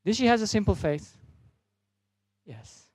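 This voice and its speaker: A middle-aged man whose first language is German gives a sermon-style talk, telling a story from his work as a doctor. His English is earnest and sometimes broken. His voice sits a little high for a man, and it sounds close and dry. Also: animated, unhurried, a little mellow, no room sound. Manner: non-native English, some broken grammar. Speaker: doctor and speaker.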